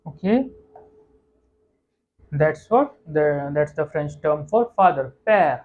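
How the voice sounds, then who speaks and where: A patient teacher walks through pronunciation rules at a steady, mid-pitched level, checking in with frequent "okay"s. The audio is slightly dull and lo-fi. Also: very slow. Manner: patient, repeats "okay" and corrects own slips. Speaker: French language teacher. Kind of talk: online lesson explaining pronunciation.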